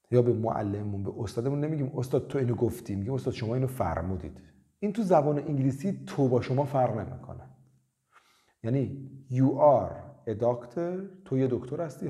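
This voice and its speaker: A man teaches beginner English in a relaxed, chatty way. His pitch moves a lot as he drills short phrases over and over. His voice is dark and mellow. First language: Persian. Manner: lively, drills phrases with repetition. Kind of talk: casual spoken lesson.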